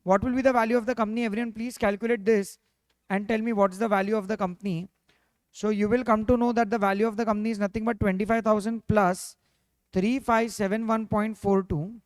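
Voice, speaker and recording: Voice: mid-range voice, fairly even intonation, a little fast, no echo. A finance teacher with an Indian accent giving an interactive revision lecture, constantly prompting students with questions and dropping in the odd Hindi interjection.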